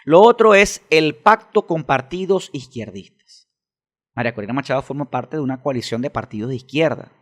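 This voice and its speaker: A man's voice: mid-range voice, expressive, normal speed, fairly bright tone. A Venezuelan man with a Venezuelan accent, a guest in an interview who argues emphatically and fires off rhetorical questions. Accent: Venezuelan Spanish. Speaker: interview guest, political activist. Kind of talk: casual interview talk.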